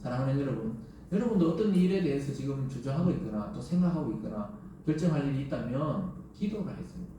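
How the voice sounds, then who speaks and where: A man's voice: medium pitch, lively intonation, fast, warm tone, slight background noise. A man preaching a Sunday sermon as pastor, telling the story vividly and acting out the voices of scripture. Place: church sanctuary. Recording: echoey church hall, distant mic.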